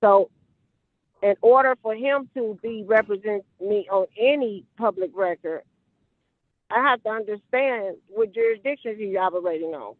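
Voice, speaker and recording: In an argumentative courtroom exchange recorded over a phone-like line, a female defendant insists on her points, repeating objections and questions. Her medium-pitched voice moves at a moderate pace, with no room sound.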